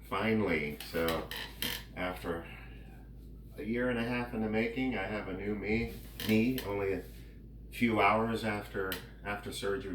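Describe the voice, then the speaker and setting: A man giving a casual personal update in a halting, rambling way with drawn-out pauses. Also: deep voice. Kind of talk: casual chat. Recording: roomy, distant mic, faint background noise.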